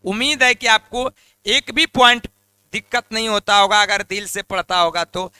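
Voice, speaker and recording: A man's voice: high voice, fairly even intonation, normal speed, bright, forceful tone, clear, resonant tone, no echo. A male teacher giving an exam-prep grammar lesson, repeating key terms and asking his students to say them back, in a colloquial way. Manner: colloquial, addresses viewers as lions and lionesses.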